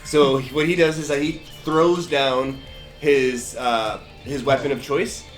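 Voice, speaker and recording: A man's voice: mid-range voice, steady tone, measured pace. A young man narrating as dungeon master, rambling with lots of fillers and restarts. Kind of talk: narrating a tabletop game. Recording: echoey room with faint music.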